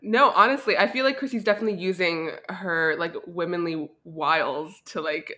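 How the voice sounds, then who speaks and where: A woman's voice: fairly low pitch, normal speed, bright, forceful tone. A woman guest on a podcast, chatting casually and animatedly with strong opinions and many "like" fillers. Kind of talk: casual chat.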